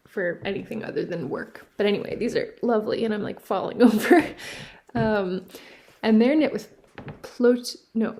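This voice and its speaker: A knitting podcast host from Newfoundland, Canada, chatting casually and rambling with fillers and self-corrections as they show yarn and socks in a seaside cabin. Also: female voice, on the high side, creaky, warm tone. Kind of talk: casual show-and-tell chat. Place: cabin by the sea.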